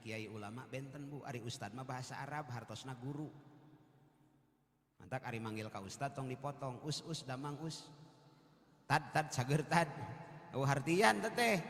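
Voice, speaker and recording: A man with a Sundanese accent preaching a humorous sermon to a congregation, swinging from loud calls to quiet joking asides. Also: a little high. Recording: echoey hall with long reverb.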